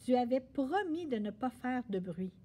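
A woman as a calm, sensible big sister. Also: a little high, normal speed. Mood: scolding.

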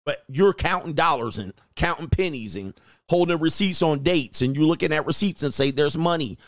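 Male reaction host, lively and joking, acts out quotes, slightly high pitch, dry close mic. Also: moderate pace, no echo. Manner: animated, slangy, acts out quotes and laughs often. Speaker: commentary channel host. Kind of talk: casual reaction commentary.

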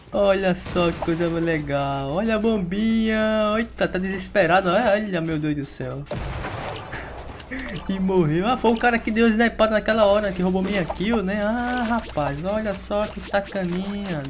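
A man with a Brazilian accent, a gaming YouTuber giving chatty, excitable gameplay commentary and laughing often. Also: high voice, moderate pace. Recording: noisy background.

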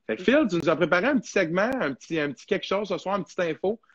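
A man's voice: high voice, expressive, racing, slightly rough, no room sound, lo-fi sound. A young man with a Québécois French accent hosting a casual live podcast, chatty and rambling with lots of fillers. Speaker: podcast host.

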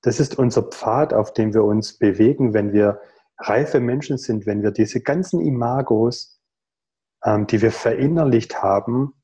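Man in his thirties on a video call, mellow and warm, thoughtful and earnest delivery with pauses. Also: mid-range voice. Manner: thoughtful, earnest, rhetorical questions, many pauses. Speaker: guest in a video call conversation. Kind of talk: reflective conversational explanation. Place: home room.

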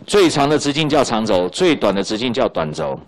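A middle-aged man with a Taiwanese Mandarin accent teaches high school physics in a recorded lecture, talking fairly quickly with lively intonation, and there's a little hiss or hum. His style is chatty, with small tag fillers and repeated key points.

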